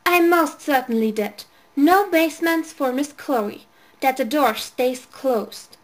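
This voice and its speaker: A gentle young mother speaks slowly and softly, voiced by a woman reader. Her voice sits a little lower than the narration. This is a storybook reading. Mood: tender.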